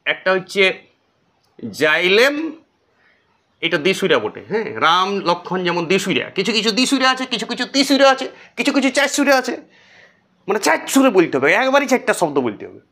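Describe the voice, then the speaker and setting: A man's voice: high voice, moderate pace. A man teaching a whiteboard biology lesson, chanting memory lists in a sing-song way and talking straight to his students. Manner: lively, repetitive, talks straight to students.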